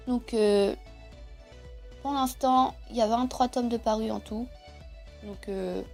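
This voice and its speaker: A woman's voice: a little high, creaky, warm tone. A young woman talking casually to camera about comics she recommends, hesitant and full of fillers. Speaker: manga reviewer. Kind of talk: casual video monologue. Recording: faint background music.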